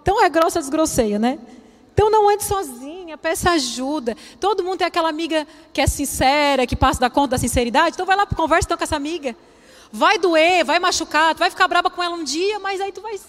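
A woman's voice: very high voice, fast talker. A middle-aged woman, preaching a chatty, humorous sermon to women and acting out quotes. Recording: long hall reverb.

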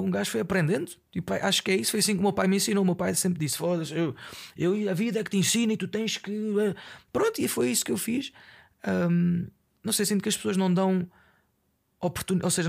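A man's voice: fairly high pitch, gravelly. A young man with a European Portuguese accent talks into a close microphone in a casual solo podcast, rambling, swearing often and mixing in English fillers. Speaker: podcast host.

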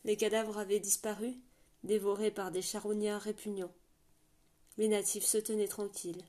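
A woman narrating a novel aloud with a steady, measured reading. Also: mid-range voice. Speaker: audiobook narrator. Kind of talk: scripted storybook narration.

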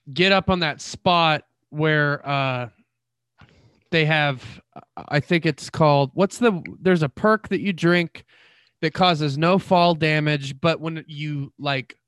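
A man's voice: fairly high pitch, fairly bright tone, clear, resonant tone, no room sound. A young man chatting casually about video games, rambling with lots of fillers and restarts.

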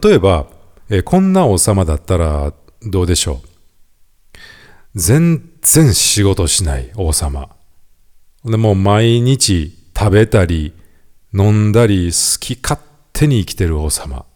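A man with a Kansai accent giving a lively, quiz-style lesson on the English words heard in gospel songs. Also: sits low, unhurried. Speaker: teacher.

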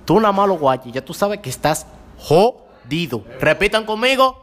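A man's voice: high-pitched, big pitch swings, normal speed, fairly bright tone. A man guest on a podcast, teasing his friends with a playful, dramatic retelling of a story. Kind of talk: casual storytelling among friends. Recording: reverberant room.

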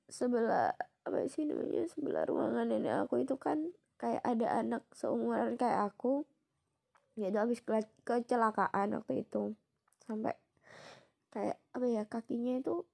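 A young woman from East Java telling a personal story in a soft, reflective way, pausing often with fillers. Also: on the high side, gravelly. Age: young adult.

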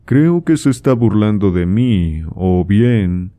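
A man reading aloud and voicing a proud, reserved young gentleman who answers his father formally and dryly. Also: on the low side, expressive, takes it slowly. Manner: dry, formal replies.

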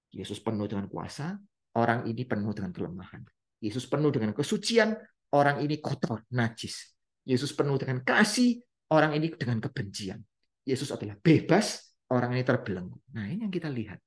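A man's voice: mid-range voice, husky. A man preaching a Bible study, who asks his listeners questions, answers them himself and repeats key phrases for emphasis.

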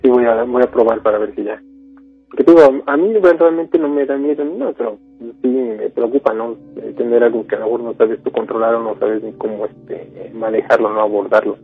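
A man calls into a radio show, recounting his experience hesitantly and with plenty of thought. His voice is gravelly and husky. He comes through a tinny phone line with faint music behind. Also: mid-range voice, steady tone, fairly quick. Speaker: caller, engineer.

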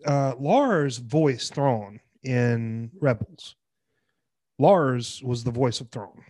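A man's voice: mid-range voice, animated, drawn-out words, warm tone, no echo, studio quality. A man with a Southern accent, co-hosting a podcast in casual chat, often trailing off mid-thought. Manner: rambling, trailing off. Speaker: podcast co-host.

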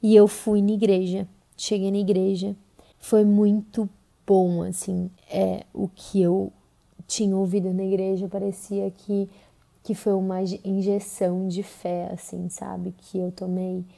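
Young Brazilian woman telling her own story to podcast listeners; conversational and full of fillers, with a very dark, mellow tone. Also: mid-range voice, little pitch movement, unhurried, gravelly. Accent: Brazilian Portuguese. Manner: conversational retelling with many fillers.

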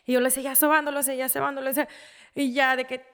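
A woman with a Mexican accent telling an emotional personal story, halting, with many restarts and repeated words. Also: sits high, flat delivery, fairly bright tone, smooth, long reverb tail.

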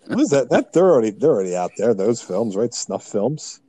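Animated man joking in casual chat. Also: medium pitch, breathy edge. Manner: joking, quick reactions, playful voices.

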